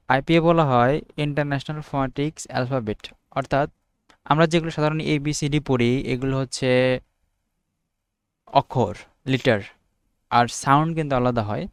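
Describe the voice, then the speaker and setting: A young man with a Bangladeshi Bengali accent, a student giving an informal, unedited study lesson, thinking aloud and reading English definitions out slowly word by word. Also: medium pitch, clean tone, no room sound. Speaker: student making study videos.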